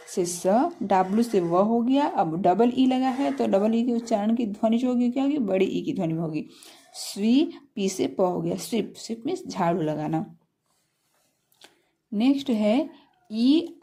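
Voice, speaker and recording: A woman teaches English spelling and pronunciation in a patient classroom manner. Her voice is gravelly and dark. She slows right down to spell words letter by letter, then repeats each meaning. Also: mid-range voice.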